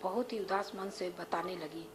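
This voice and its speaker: A woman's voice: lowish voice, steady tone, moderate pace, noisy background. A woman reading an emotional story aloud, telling it herself and voicing all of its characters. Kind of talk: emotional story narration with acted dialogue.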